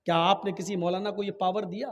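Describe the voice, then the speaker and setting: A man preaching a sermon, swinging from calm storytelling to shouted exhortation and acting out dialogue in his stories. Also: high voice, long reverb tail, a little hiss or hum.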